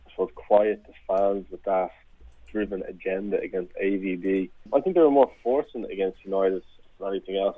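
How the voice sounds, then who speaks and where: A man's husky, low voice comes through a tinny phone line. He gives measured, hedging opinions in a casual football chat, and the sound is dry and close. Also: no echo. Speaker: podcast panelist.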